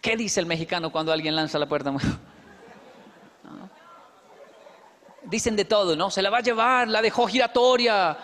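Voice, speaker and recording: This motivational speaker, a man with a Colombian accent, uses the upper part of his range as he works a big indoor stage with a handheld microphone. Lively storytelling, acted-out dialogue and quick asides fill his talk. A long hall reverb lingers behind him, along with a little hiss or hum.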